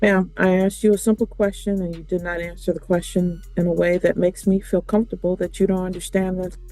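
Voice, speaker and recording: A judge speaking in a measured, matter-of-fact way during a court hearing. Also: medium pitch, level tone, mellow, faint music behind.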